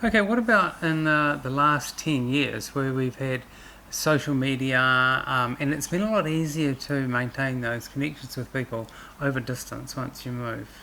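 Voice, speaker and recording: A woman's voice: very deep voice, moderate pace, a bit bright, a little hiss or hum. A woman hosting a casual interview, asking her co-host questions in a hesitant way with many ums.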